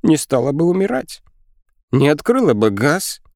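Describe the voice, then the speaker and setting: A man voicing a pale, timid dead woman in an audiobook, speaking meekly and slowly with a tearful edge. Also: mid-range voice, no room sound, studio quality, pitched above the performer's own voice. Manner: meek, slow, tearful.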